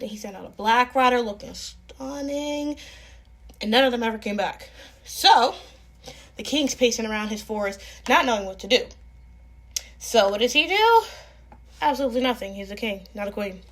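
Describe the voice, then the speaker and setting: A young woman improvising a fairy tale aloud, chatty and sassy, with playful asides. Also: mid-range voice. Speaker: storyteller. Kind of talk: improvised oral storytelling.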